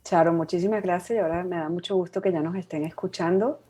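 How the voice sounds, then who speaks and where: Fast-talking Venezuelan woman in her fifties. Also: fairly low pitch, steady tone, dark tone. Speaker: psychologist guest. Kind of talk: interview conversation.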